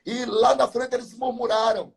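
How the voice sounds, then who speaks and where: A pastor in his seventies speaks at a moderate pace in a very high, husky voice with vocal fry and a flat delivery. In a live chat, he tells Bible stories with fervor, piling on biblical numbers and wordplay.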